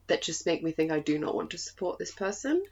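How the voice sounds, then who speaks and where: A woman's voice: fairly low pitch, expressive, fast talker, a little mellow. A woman talking as a podcast guest in a casual chat. She laughs often and jokes about herself. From northern England. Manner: giggly, self-mocking, laughs often. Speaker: guest, burlesque performer. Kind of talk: casual video-call chat. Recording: slightly dull lo-fi audio with faint noise.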